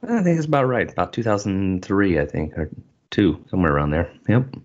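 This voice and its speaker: Podcast host guy, real deep husky voice, laid back storyteller, kinda muffled audio. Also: expressive, fairly quick. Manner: easygoing storyteller, chuckling. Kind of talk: casual podcast conversation.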